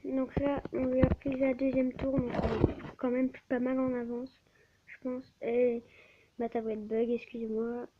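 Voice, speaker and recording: A woman's voice: a little high, little pitch movement, unhurried. A woman giving live gameplay commentary on her channel, often stammering and restarting words, recorded on a tablet mic. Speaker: gaming channel host. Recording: dull lo-fi with faint hiss.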